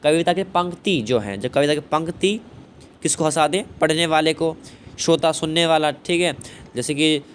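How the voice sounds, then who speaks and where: A man's voice: on the high side, normal speed. Guy explaining a poetry lesson, keeps saying thik hai and bhai, slight background hum. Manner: repetitive, asks and answers own questions. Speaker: teacher. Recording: faint background noise.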